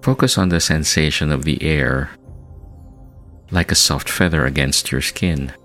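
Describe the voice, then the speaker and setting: A man hosting a guided meditation, speaking in a soft, soothing, hushed manner with long calming pauses, like a spa relaxation track. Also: rumbling low. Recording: voice over New-age music. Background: New-age music.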